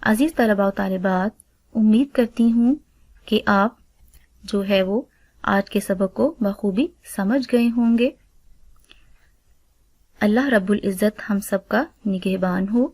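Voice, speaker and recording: A woman teacher with a Pakistani Urdu accent, giving a recorded class lesson and slowly spelling out words and their meanings for students. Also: mid-range voice, a little mellow, no echo. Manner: slow, careful dictation of word meanings and spellings; addresses students formally, frequent 'aa' fillers.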